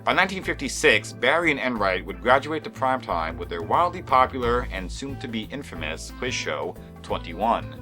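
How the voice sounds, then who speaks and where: A man's voice: mid-range voice, very animated, normal speed, few pauses, bright, forceful tone. A man reading scripted retrospective narration in a formal, emphatic manner with a wry edge. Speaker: documentary narrator. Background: faint music.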